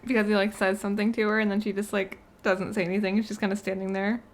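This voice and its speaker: A woman co-hosting a podcast, chatting casually about movies in a soft, hedging way. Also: medium pitch, flat delivery, quick pace. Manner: soft-spoken, trails off, hedging. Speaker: podcast co-host. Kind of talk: casual movie review chat.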